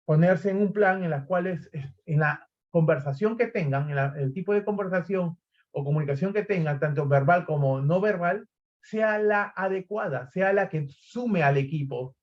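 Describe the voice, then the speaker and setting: A man's voice: high-pitched, moderate pace, highs cut off. A man giving a recorded leadership lecture, talking animatedly, acting out examples and often restarting his phrases. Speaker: leadership trainer.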